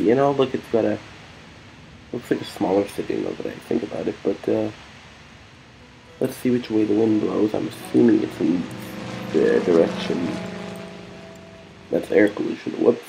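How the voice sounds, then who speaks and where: A man's voice: lowish voice, sing-song, normal speed, gravelly, pauses often, dark tone, slight background noise. A man giving casual, rambling commentary while playing a video game, often hesitating with fillers. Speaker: let's play gamer.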